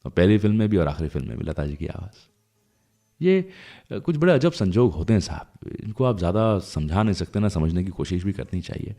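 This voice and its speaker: A man with an Indian accent hosts a radio show, talking to listeners about music in a conversational, reflective, storytelling way. His voice is low-pitched and dark in tone.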